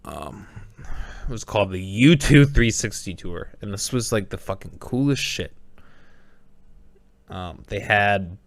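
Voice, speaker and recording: Profane rambling young man, low voice. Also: expressive, measured pace, creaky, pauses often, dry recording. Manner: rambling, profane, laughs often. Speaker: podcast host. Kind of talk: casual solo podcast chat.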